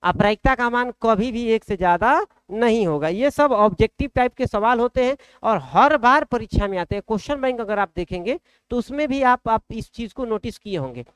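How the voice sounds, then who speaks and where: A man's voice: extremely high pitch, expressive, fairly quick, few pauses, fairly bright tone, clean tone, no room sound. A man with a Bihari accent teaching a math class in a colloquial way, often asking the class questions. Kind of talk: blackboard lesson.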